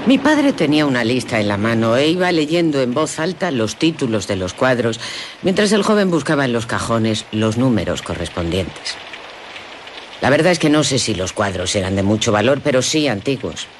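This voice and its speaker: An actress with a Castilian accent plays Laura, a wistful young gentlewoman who is easily amazed, in a Spanish radio drama. She shifts between hushed narration and excited exclamations. Her voice is bass-pitched at a moderate pace, with slight background noise.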